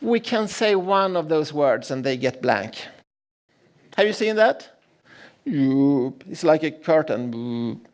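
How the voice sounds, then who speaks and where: A middle-aged man delivers a conference keynote in a large room. His voice sits fairly high for a man, and he tells stories with dry, self-deprecating humor, stumbling over and restarting his sentences as he goes. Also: very animated, takes it slowly, a little mellow. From Sweden. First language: Swedish. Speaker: keynote speaker.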